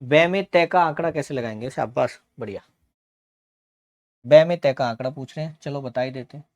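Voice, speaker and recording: A man teaching a shorthand class, calling students beta and bhaiya and repeating each word slowly for dictation. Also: medium pitch, darkish tone.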